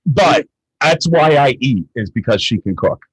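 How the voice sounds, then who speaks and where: Lively, joking man on a podcast. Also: mid-range voice, a little slow, slightly rough, no room sound, poor audio. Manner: animated, jokey, swears freely. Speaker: podcast co-host. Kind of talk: casual podcast banter.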